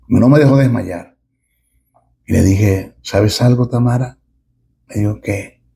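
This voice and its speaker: A middle-aged man preaching a sermon as a pastor, emphatic and with dramatic pauses. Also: fairly low pitch, gravelly, mellow, a little hiss or hum.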